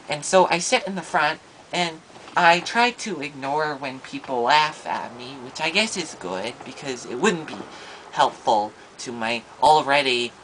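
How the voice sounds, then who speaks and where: A man's voice: medium pitch, sharp tone, a little hiss or hum, low-quality recording. A man playing a shy, insecure schoolboy with no friends in an improvised comedy monologue, talking in a hesitant, rambling way full of ums and restarts.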